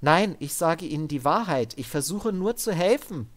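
A man's voice: fairly high pitch, expressive, moderate pace, voice pushed up. A man voicing a nervous young male technician who is hesitant and eager to please.

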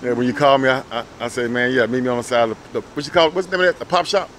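A man's voice: medium pitch, racing, a bit bright, slight background noise. A man interviewing people on the street, asking friendly questions with frequent stammers, in an outdoor parking lot.

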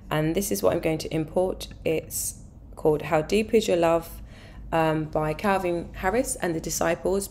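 A woman with a hoarse voice, walking through a music software tutorial step by step, with fillers and easy asides. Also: low-pitched, a little hiss or hum. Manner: relaxed step-by-step explaining with fillers.

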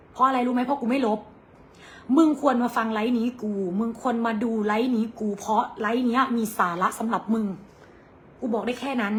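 A woman's voice: a little high, slight background noise. A young woman with an Isan Thai accent, bluntly scolding her rivals on a livestream in crude, angry words.

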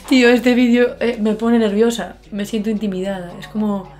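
A young woman talking casually and poking fun at herself as she reacts to her old videos. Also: a little high. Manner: animated, self-mocking. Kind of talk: casual vlog commentary.

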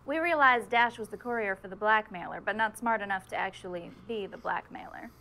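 A slangy 1940s gal sidekick. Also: female voice, medium pitch, sharp tone, rough recording. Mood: chipper. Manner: brisk, slangy. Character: peppy 1940s female sidekick, slangy gossip. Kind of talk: 1940s period slang narration.

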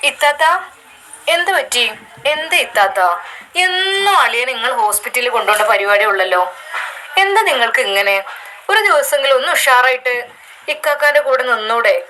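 A woman with a Malappuram accent voicing a bold younger sister who talks loudly and pushily, in a spoken story. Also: high-pitched, lively intonation, a little fast, pauses often, slight background noise, poor audio. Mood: scolding. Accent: Malappuram Malayalam. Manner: loud, pushy, scolding.

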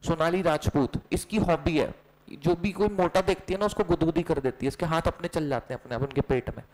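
A man's voice: on the high side, a little fast, a little mellow, rough recording. A male teacher giving an online exam-coaching lecture, joking and quizzing his students with call-and-response while mixing Hindi and English. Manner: mixes Hindi with English phrases. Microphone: online class recording.

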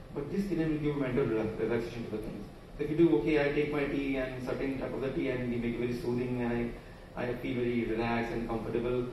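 A man with an Indian English accent presents at a podium in a large conference hall, speaking loosely with frequent restarts and fillers. His mid-range voice is warm, with a little hiss or hum. The podium mic is heard via a far camera, so the hall sounds echoey and distant.

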